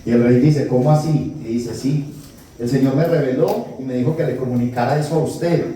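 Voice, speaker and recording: Priest giving a retreat talk, dark mellow voice, storytelling with little jokes, echoey hall, mic a bit far off. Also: male voice, medium pitch, a little fast. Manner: storytelling, acting out dialogue with humor. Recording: echoey hall, distant mic, faint noise.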